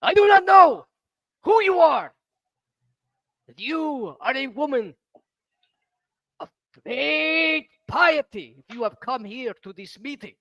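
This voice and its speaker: Man playing a bellowing, high-pitched zealot warrior. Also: no echo, muffled recording. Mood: impassioned, vehement. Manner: declamatory, slow emphatic oratory with shouted bursts. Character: fervent bellowing zealot warrior rallying outcasts.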